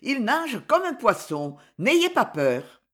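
A storyteller voicing an excitable small boy on the beach who is sure his hero will save the day, speaking up high and insistent. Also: takes it slowly, full character voice. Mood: excited. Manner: eager, reassuring, certain. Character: excitable small boy, proud admirer of the swimmer.

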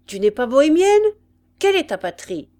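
A woman voicing a gruff male army sergeant who barks his questions loudly. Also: on the high side, sing-song, unhurried, pitched above the performer's own voice. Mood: barking. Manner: loud, barking questions.

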